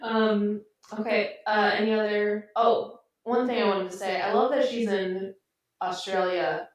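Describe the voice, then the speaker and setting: A giggly woman co-hosting a chatty podcast, her voice ringing around an echoey room. She sits a little back from the mic, and her asides trail off softly. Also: mid-range voice, fairly even intonation, unhurried, recorded from a distance. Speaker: podcast co-host. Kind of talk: casual chat.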